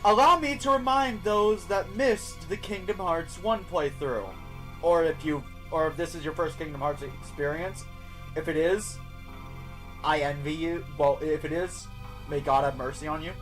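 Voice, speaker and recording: A man's voice: a little high, normal speed, a bit bright, soft background music, low-quality recording. A man giving casual live let's play commentary as a game streamer, chatting as he goes.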